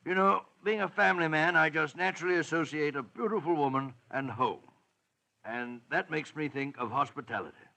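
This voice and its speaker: An actor playing a genial, fussy English doctor, a detective's loyal companion, in avuncular 1940s radio drama style. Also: male voice, a little high, brisk, creaky, bright, forceful tone. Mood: jovial. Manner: chuckling, avuncular, blustery.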